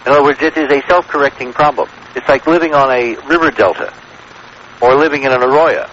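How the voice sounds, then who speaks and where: Over a dull, noisy vintage radio recording, an American male guest explains his theories with assertive, lecturing confidence, checking that each point lands. His voice is mid-range, a bit bright, and quick.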